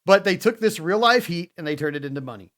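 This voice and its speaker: A man co-hosting a wrestling podcast, retelling the week's shows in a casual, animated way and acting out what the wrestlers said. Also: on the high side, fast talker. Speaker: podcast co-host.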